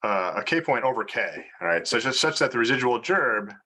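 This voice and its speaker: A man's voice: medium pitch, very animated, normal speed, bright, forceful tone. A man giving an informal research seminar talk on mathematics over a video call, hesitant, with many fillers and restarts. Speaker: mathematics lecturer.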